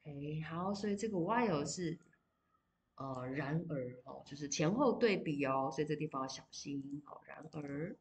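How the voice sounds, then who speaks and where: With slight background noise, a low-pitched, animated woman teaches English vocabulary to high schoolers in a recorded lesson. She patiently explains each word in Mandarin, then reads the English example sentences slowly and deliberately. She speaks directly to students, often checking in and using fillers such as 好 and 哦.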